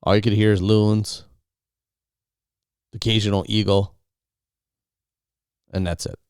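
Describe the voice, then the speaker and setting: A man hosts a podcast and tells an outdoor survival story in a loose, casual way, frequently restarting, repeating words, and quoting others in his own voice. He speaks in a lowish, level, darkish and smooth voice at a measured pace. The clean studio recording has no echo.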